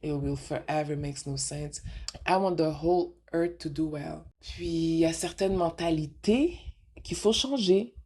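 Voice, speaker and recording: This Quebec-born radio show host speaks with a Québécois French accent in a deep, warm, slightly rough voice, going a little slow. Her casual monologue rambles frankly, sliding into English partway through sentences and tossing out rhetorical questions.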